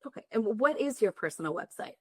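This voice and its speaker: A woman hosting a wellness podcast interview, appreciative and smoothly guiding the talk. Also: a little high, lively intonation, quick pace, darkish tone, no room sound. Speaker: podcast host.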